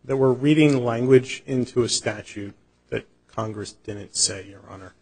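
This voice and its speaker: A male attorney making a formal, measured oral argument in a courtroom. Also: medium pitch, darkish tone, breathy edge, low-quality recording. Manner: formal and measured, repeatedly says "Your Honor". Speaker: attorney arguing before an appeals court.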